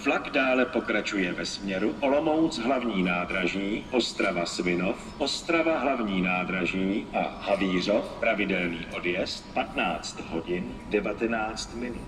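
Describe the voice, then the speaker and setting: A man reading formal railway station announcements in measured, segmented scripted phrases. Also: fairly low pitch, lively intonation. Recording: noisy, distant station public-address recording. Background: station ambience noise.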